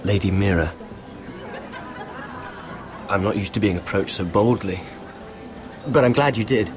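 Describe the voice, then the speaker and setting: In a natural, lowish voice at a measured pace, a man acts the part of an awkward, timid nobleman for a fantasy game. The character comes across as bashful, hesitant, apologetic, and soft-hearted. Music runs beneath the lines.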